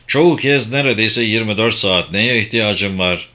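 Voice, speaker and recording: A man voicing a calm male intelligence director who speaks in a matter-of-fact way in an audiobook. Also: on the low side, moderate pace.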